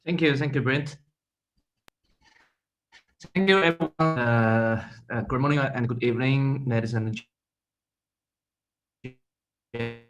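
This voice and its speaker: A man giving a conference presentation over a remote call, his audio glitching and cutting in and out, speaking haltingly with many fillers. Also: mid-range voice, fairly bright tone, faint music behind, poor audio. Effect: glitching audio that cuts in and out. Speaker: guest presenter. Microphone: remote video call.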